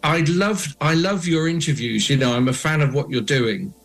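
A British man in his forties, an oral storyteller talking reflectively and eloquently in an interview, in unhurried poetic phrases. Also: fairly high pitch, a bit bright, soft background music. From Britain. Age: 40s.

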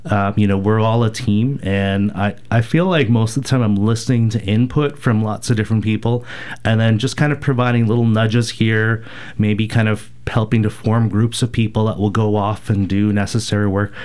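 A man's voice: fairly low pitch, fairly even intonation, moderate pace, a little mellow. A man from rural Alberta in Canada, getting over a cold, giving thoughtful, hesitant answers full of fillers as a guest on a community radio show. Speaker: radio station board president, guest. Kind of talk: casual radio interview answers.

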